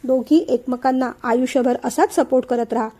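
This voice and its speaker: A woman voicing a gentle, wise mother-in-law who gives soft, affectionate advice. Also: sits high, steady tone, normal speed. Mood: tender.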